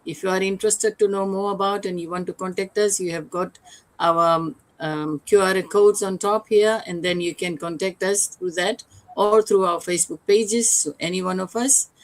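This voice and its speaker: A woman's voice: medium pitch, fairly even intonation, moderate pace, low-quality recording. A woman from Fiji hosting a live online show over a video call, welcoming viewers with some fillers. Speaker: host.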